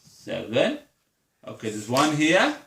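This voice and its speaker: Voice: medium pitch, huge pitch swings, takes it slowly, gravelly, a bit bright, slight background noise. A teacher patiently guiding a young child through counting, with simple repeated questions. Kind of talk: one-to-one early maths lesson, counting aloud. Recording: echoey room.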